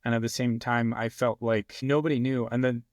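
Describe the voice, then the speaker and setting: A man's voice: mid-range voice, little pitch movement, normal speed, no echo, studio quality. Thoughtful young man from Argentina. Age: 20s. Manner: thoughtful, hesitant, with fillers. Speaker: podcast guest. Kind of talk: casual conversation.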